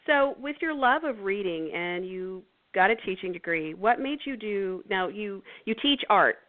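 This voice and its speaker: A woman's voice: mid-range voice, expressive, moderate pace. A woman hosting a radio interview, friendly and encouraging, with short replies while her guest talks. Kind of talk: casual interview. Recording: tinny phone-line sound.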